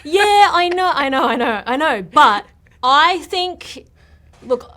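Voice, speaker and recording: A woman's voice: high voice, animated, slow, sharp tone. A woman from Australia with an Australian accent, a podcast guest chatting casually in a direct, talkative way. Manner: chatty and direct, leans on "look" and "like". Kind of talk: casual interview chat.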